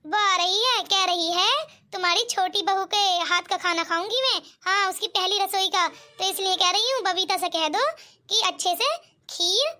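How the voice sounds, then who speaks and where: Woman doing a cartoon mother-in-law, bossy, boastful, very high bright voice. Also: full character voice. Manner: commanding, boastful. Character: bossy proud middle-aged mother-in-law. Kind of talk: cartoon voice acting.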